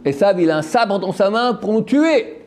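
A man gives a religious lesson, quoting verses and translating them before putting questions to his listeners and answering them himself. His voice sits fairly high but sounds mellow and dark, and his pitch leaps up and down as he explains. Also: moderate pace. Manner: animated, asks and answers his own questions. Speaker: Torah teacher.

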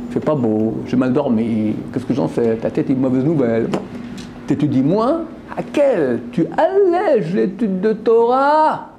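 A man teaching a religious lesson in an animated way, quoting verses, translating them, and asking and answering his own questions. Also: medium pitch, vocal fry, slight background noise. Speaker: Torah teacher.

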